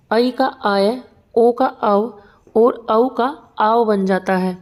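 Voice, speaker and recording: A woman's voice: mid-range voice, mellow. Patient woman teaching Hindi grammar. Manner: patient, explains step by step with repeated checks. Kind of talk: exam-prep lesson at a whiteboard.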